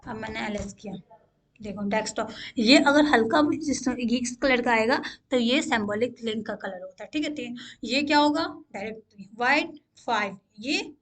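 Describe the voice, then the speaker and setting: High-voiced woman teaching a tech tutorial. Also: normal speed, a bit bright. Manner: repeats "ठीक है" to check in, asks questions aloud. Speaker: instructor. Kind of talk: screen-share coding tutorial.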